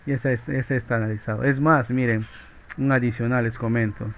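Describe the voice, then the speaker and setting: A man's voice: mid-range voice, steady tone, brisk, slight background noise, low-quality recording. Peruvian man lecturing a physics class. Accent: Peruvian Spanish. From Peru. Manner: chatty, ends phrases with a questioning "¿no?". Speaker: physics teacher.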